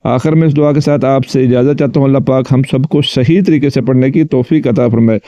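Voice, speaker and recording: A man teaching Quran recitation step by step, patiently repeating each syllable slowly and drawn out. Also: medium pitch, fairly even intonation, warm tone, no echo. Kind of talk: step-by-step tajweed lesson.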